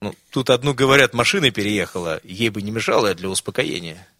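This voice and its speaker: A man's voice: lowish voice, expressive, a little fast, pushed and bright, dry recording, clean studio sound, pitched below the performer's own voice, heavily acted. A man doing a sly old factory owner.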